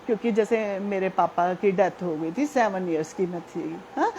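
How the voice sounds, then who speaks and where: A woman's voice: medium pitch, moderate pace, darkish tone, slight background noise. A woman gives a devotional testimony, telling her story earnestly and speaking directly to her listeners. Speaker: devotee sharing a personal testimony.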